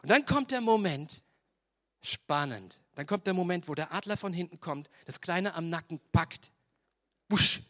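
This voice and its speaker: A man preaching a lively sermon, telling a story with acted-out voices and often asking "ja?" of the congregation. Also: sits high, measured pace. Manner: animated storytelling with voiced asides; tags many sentences with "ja?". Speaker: pastor.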